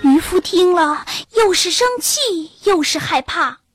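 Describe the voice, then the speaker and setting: A woman narrating a children's storybook in an expressive storytelling manner. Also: very high-pitched, unhurried, dry recording, studio quality. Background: faint background music.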